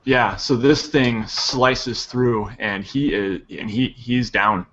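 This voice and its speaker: A man running a tabletop role-playing game as game master, relaxed and encouraging. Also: medium pitch, slow pace, muffled recording. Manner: relaxed, encouraging, with short affirmations.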